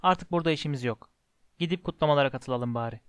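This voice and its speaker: An elderly wizard headmaster, calm and quietly wry, as a man reading a storybook puts him on. The voice is unhurried, a little high for a man, and sounds dry and close. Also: clear, resonant tone, dry recording, natural voice. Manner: calm, dryly humorous.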